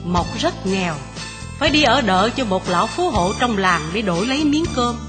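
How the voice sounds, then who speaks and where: An older woman narrating a children's fairy tale gently, as a grandmother to her grandchild. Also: on the high side, expressive, moderate pace, over music. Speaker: storyteller grandmother.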